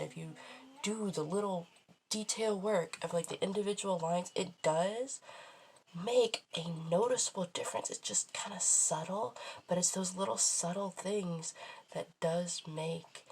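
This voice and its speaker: A woman's voice: fairly low pitch, measured pace, husky. A woman talking casually through a makeup tutorial in a rambling, self-deprecating, sweary way. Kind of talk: casual chatty tutorial talk while applying makeup.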